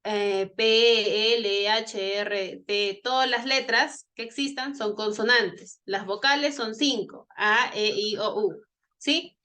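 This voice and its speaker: With a medium-pitched, pushed and bright voice, she speaks slowly while teaching English grammar online. Her first language is Spanish, and she's patient, repeating points and checking on her students.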